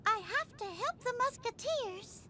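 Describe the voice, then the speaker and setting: A woman's voice: very high-pitched, expressive, measured pace, sharp tone, slight background noise, exaggerated voice. An actress voicing a proud young mouse queen who speaks in a prim, dignified way in a game. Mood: regal.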